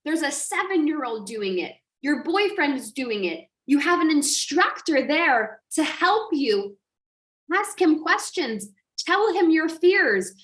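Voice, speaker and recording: High-voiced woman giving a motivational talk. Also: big pitch swings, takes it slowly, fairly bright tone, roomy sound. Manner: emphatic, rhetorical questions. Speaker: business coach.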